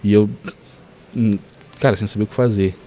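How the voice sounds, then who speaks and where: A man's voice: fairly low pitch, moderate pace, slight background noise. A man telling a story as a podcast guest, full of fillers like "cara". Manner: animated storyteller, many fillers like "cara" and "assim, ó".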